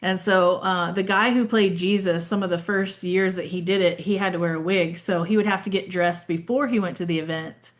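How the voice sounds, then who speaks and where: Animated storytelling woman podcaster. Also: lowish voice, brisk, hardly any pauses. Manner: animated storyteller who acts out quotes. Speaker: podcast co-host. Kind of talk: casual storytelling chat.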